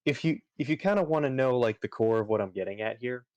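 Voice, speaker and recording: A man's voice: mid-range voice, animated, quick pace, darkish tone, dry recording, dull audio. A man chatting casually on a livestream, rambling with lots of fillers and restarts. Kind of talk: casual chat while gaming on a livestream.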